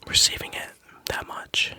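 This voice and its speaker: Male ASMR whisperer, crisp bright sibilance, unhurried, soothing and tentative, speaking right into the listener's ear. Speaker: ASMR creator. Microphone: close-up Blue Yeti USB microphone.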